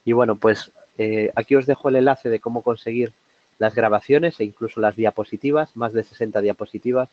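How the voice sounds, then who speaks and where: A man from Spain with a sore throat presents a trading seminar in a halting, conversational way. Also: lowish voice, dull audio. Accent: Spain Spanish. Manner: hesitant, many fillers and restarts, conversational. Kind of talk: live market analysis webinar.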